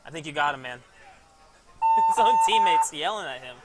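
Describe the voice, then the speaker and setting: A man's voice: on the high side, wildly swooping pitch, unhurried. A man casually commentating a live paintball webcast outdoors, chatty and rambling, laughing at himself. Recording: outdoor background noise.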